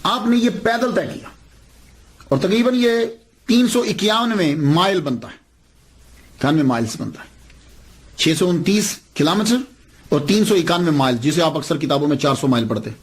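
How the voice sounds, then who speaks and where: A man preaching, telling a religious story with animated delivery, rhetorical questions and acted-out dialogue. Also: fairly high pitch, long pauses.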